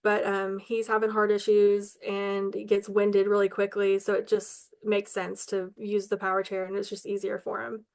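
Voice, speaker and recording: A woman's voice: medium pitch, monotone, moderate pace, few pauses. A woman answering interview questions in an earnest, chatty way, with many ums and likes. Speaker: local advocate interviewed as guest.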